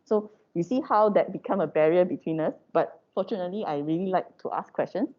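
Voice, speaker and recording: Talking fairly quickly at a fairly low pitch, a woman from Malaysia chats her way through an informal lecture to her students. Her Malaysian English is sprinkled with fillers and tag questions, and the audio is dull and lo-fi.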